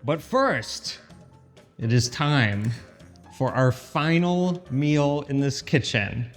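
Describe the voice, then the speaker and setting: An American vlog host talks casually and informally to camera in an echoey, empty kitchen with faint music in the background. His voice is medium-pitched and animated, and he speaks slowly.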